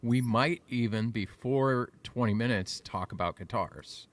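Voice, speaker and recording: Chatty joking guy hosting a live show, mid-pitched voice. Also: unhurried, dry recording. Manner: joking, loose and talkative. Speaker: show host. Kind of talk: casual livestream chat.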